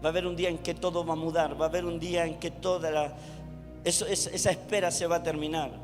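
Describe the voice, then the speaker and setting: A middle-aged man with a Chilean accent preaching a sermon to his congregation, rising to shouts. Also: fairly high pitch, little pitch movement, quick pace, big-room sound, over music. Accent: Chilean Spanish. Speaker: pastor. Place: church hall.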